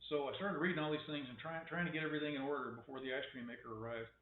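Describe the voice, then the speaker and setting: A man's voice: a little high, fairly even intonation, very fast. A man talking casually to his webcam, rambling and wry, with many restarts and strong opinions. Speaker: vlogger. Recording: echoey room, tinny phone-like sound.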